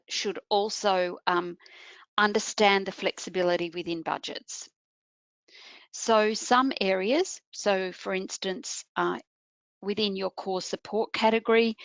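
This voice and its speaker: A woman's voice: mid-range voice, a bit bright, no echo. A woman presenting an informational webinar, explaining things step by step and speaking directly to her listeners. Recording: muffled online webinar audio.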